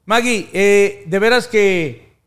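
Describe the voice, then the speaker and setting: Man, high voice, talk show host, rambling, animated, close studio mic. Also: slow pace, clean tone. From United States. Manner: rambling, animated, gestures with hands. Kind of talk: casual chat. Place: small studio with brick wall and blue lights. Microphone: studio mic on boom, headphones.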